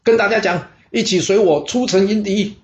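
A man voicing a furious young prince who yells accusations. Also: normal speed, muffled recording, lightly acted. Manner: shouting angrily, raised pitch. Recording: roomy echo.

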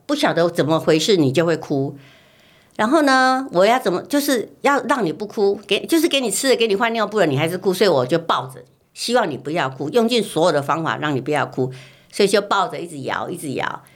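A middle-aged mother, chatting casually and repeating words as she tells a story. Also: lowish voice. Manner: animated storytelling, repeats words, acts out her own past lines. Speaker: mother recalling her child's infancy. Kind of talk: casual family chat.

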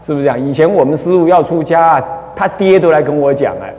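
A man with a Taiwanese Mandarin accent, a Buddhist abbot giving a relaxed, anecdotal dharma lecture, often asking rhetorical questions and laughing at his own stories. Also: fairly high pitch, fast. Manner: chatty, keeps asking rhetorical "isn't it so?". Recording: long reverb of a lecture hall.

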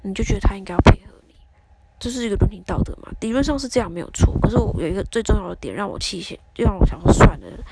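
A woman's voice: mid-range voice, vocal fry, heavy background noise. A woman, hosting a podcast and telling a personal story as advice, acting out both sides of a quarrel. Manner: chatty storytelling, acts out quarrels. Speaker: podcast host.

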